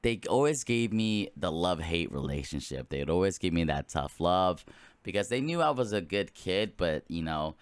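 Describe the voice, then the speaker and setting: A man's voice: deep voice, lively intonation, moderate pace, clear, resonant tone, no echo. A man in his late twenties hosting a solo podcast, talking casually in a rambling way with lots of fillers and restarts. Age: late 20s. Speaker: podcast host.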